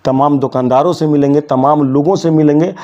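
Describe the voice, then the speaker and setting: A man's voice: on the high side, fairly even intonation, a little fast, warm tone, lo-fi sound. A middle-aged man from Bihar, a journalist, giving earnest, emphatic interview answers full of Urdu vocabulary. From Bihar, India. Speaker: interview guest, journalist and committee secretary.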